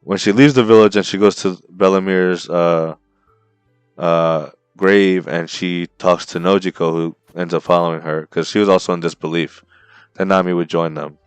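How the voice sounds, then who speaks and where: A man co-hosting a podcast, casually retelling story scenes in an animated way. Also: deep voice, moderate pace, smooth, dry recording, faint music behind. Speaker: podcast co-host. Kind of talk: casual chat.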